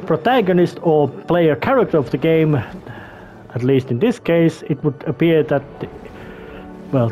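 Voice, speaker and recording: A man's voice: a little high, mellow. A man giving casual gameplay commentary in a rambling, hesitant way, often searching for words. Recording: faint game music behind. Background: faint music.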